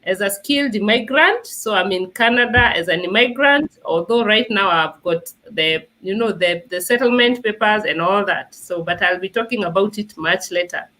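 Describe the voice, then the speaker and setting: A woman's voice: mid-range voice, moderate pace, few pauses, sharp tone. A woman in her thirties from Kenya, with a Kenyan accent, chatting as an interview guest about her nursing work and immigration advice, with many fillers. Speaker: guest, nurse and immigration adviser. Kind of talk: conversational interview.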